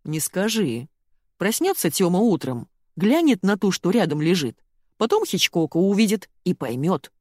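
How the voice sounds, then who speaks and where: A wisecracking male lawyer with a deadpan delivery, as read by a woman narrating an audiobook. The voice sits low for a woman but moves with lively pitch, in a dry, close recording. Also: moderate pace, no echo. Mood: teasing. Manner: teasing and deadpan. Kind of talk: audiobook character voice.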